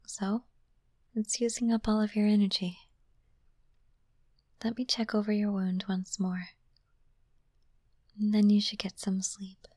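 A calm, caring young princess, played by a woman, speaks only in a soft, airy whisper. She takes her time over every phrase, unhurried and reassuring. The sound is intimate and dry, right up at the microphone. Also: medium pitch, dry recording. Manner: slow, soothing, reassuring. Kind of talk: whispered ASMR roleplay.

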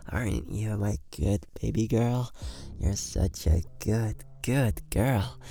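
This ASMR boyfriend roleplay features a man talking slowly in a lowish voice right up against the mic. His affectionate praise is soft and repetitive, and he often drops to a whisper.

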